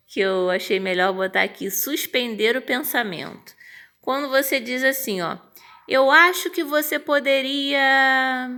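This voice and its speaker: A woman's voice: medium pitch, vocal fry. A woman teacher with a Brazilian Portuguese accent, patiently explaining punctuation step by step and acting out example phrases. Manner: acts out example phrases with lively intonation. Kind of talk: online grammar lesson.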